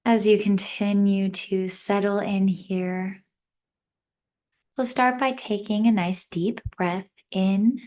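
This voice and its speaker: This woman teaches meditation, and her voice sits at a medium pitch in the middle range. She talks at a very slow pace, offering brief, measured guidance gently and letting long silences fall between phrases.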